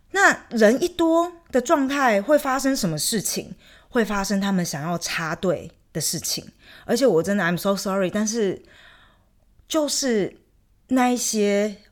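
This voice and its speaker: A young woman vlogger telling a story in casual chat, animated and indignant, acting out her arguments. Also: mid-range voice.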